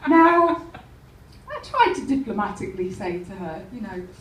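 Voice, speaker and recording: A woman's voice: mid-range voice, big pitch swings, moderate pace, slight background noise. A woman telling wry, rambling anecdotes in a stand-up comedy set, laughing at her own jokes. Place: live comedy venue. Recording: roomy, distant mic with faint ambience.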